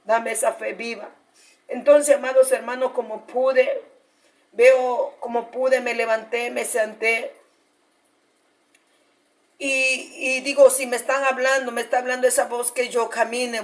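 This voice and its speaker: A woman pastor giving a fervent sermon testimony, often calling out to the congregation as beloved brothers and sisters. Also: a little high.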